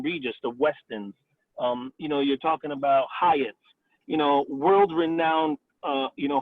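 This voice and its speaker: A chatty restaurant owner in his forties, a man, talks on a thin, phone-like line with a dry sound and no room around it. His voice sits a little high for a man. He keeps leaning on "you know" between his thoughts. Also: no room sound. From Italy, raised in the Bronx, New York. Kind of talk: career interview over a call.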